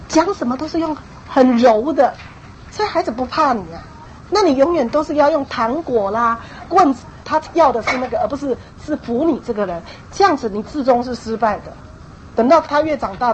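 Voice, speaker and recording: A woman's voice: high voice, a little hiss or hum, low-quality recording. A woman giving an emphatic, conversational church talk on parenting, often acting out little scenes as she goes.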